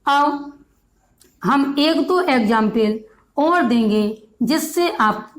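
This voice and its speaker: A woman with a Hindi accent leads a grammar lesson at an unhurried pace. Her voice sits fairly high, and she repeats each example word and stretches it out for her students. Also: expressive, rough recording. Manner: slow, repetitive, stretches out example words. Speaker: grammar teacher.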